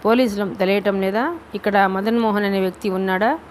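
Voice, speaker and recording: A woman's voice: medium pitch, fairly even intonation, fairly quick, slight background noise, close to an everyday voice. Woman reading a blunt police officer. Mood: stern.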